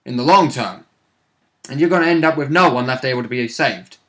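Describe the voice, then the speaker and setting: A man with a mid-range voice talks briskly, casually recounting a tabletop game session he played in. He swears a lot and animatedly reenacts moments, recorded in conversation for a vidcast.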